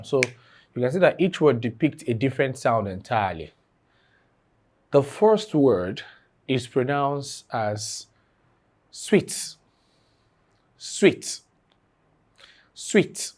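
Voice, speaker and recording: Male tutor, slow deliberate delivery, drills points by repetition and quizzes the class. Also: medium pitch, darkish tone. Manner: repeats key phrases, asks the class fill-in questions. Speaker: exam-prep English teacher. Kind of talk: online classroom lecture.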